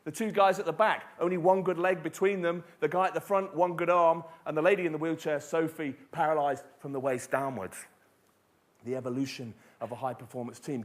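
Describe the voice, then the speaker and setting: Middle-aged guy giving a keynote, kinda high voice, lots of rhetorical questions. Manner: emphatic, storytelling, rhetorical questions. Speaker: motivational speaker. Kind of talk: keynote speech.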